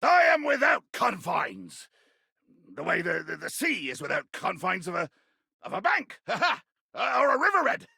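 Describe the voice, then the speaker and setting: A man voicing a bombastic, bloodthirsty pirate captain in a video game, with a raspy, gravelly growl and grandiose, archaic seafaring speech. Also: high-pitched, wildly swooping pitch, unhurried, bright, forceful tone, dry recording, studio quality, heavily acted. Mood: boastful, menacing. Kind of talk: theatrical video game character acting.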